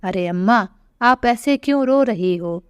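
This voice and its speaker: A woman voicing a kind young woman official who gently reassures a frightened old woman in an audio story. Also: mid-range voice, animated, a little slow, clear, resonant tone, no echo, clean studio sound, lightly acted. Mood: reassuring.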